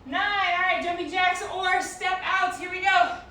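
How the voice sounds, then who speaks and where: High, bright-voiced female aerobics instructor, echoey room. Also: steady tone, unhurried. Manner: encouraging aerobics instructor calling out short cues and counts. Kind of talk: group workout coaching, counting reps and cueing exercises. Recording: very echoey room, distant mic, noisy.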